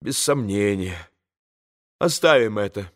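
Male reader doing a self-punishing proud young woman, hushed, near a whisper, slow. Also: medium pitch, close to an everyday voice. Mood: curt. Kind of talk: audiobook character reading.

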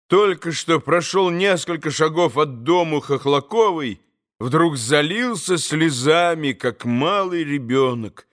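A male audiobook narrator with a fairly high voice reads a classic novel. His storytelling is measured and expressive, steady through the long sentences.

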